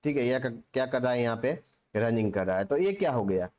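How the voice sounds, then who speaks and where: A man's voice: medium pitch, expressive, fairly quick, darkish tone. Man teaching biology in Hinglish. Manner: asks rhetorical questions and answers them himself; repetitive, with frequent "theek hai". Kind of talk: Hinglish classroom lecture.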